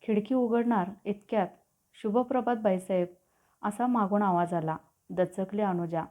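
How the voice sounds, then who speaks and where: A woman reading a story aloud in a calm, descriptive manner. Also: mid-range voice, normal speed. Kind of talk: scripted story narration. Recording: tinny phone-like audio.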